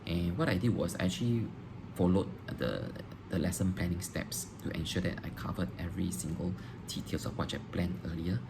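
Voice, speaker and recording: This low-voiced man, a teacher seeking a job, responds to video interview questions with plenty of vocal fry. Frequent ums, pauses, and restarted phrases mark his hesitant delivery, set against a noisy hiss.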